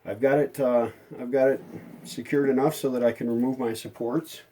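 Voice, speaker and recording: Amid background noise, a middle-aged hobbyist speaks with a steady, mid-range voice at a moderate pace. He narrates a workshop repair in a relaxed, folksy way, thinking aloud as he works.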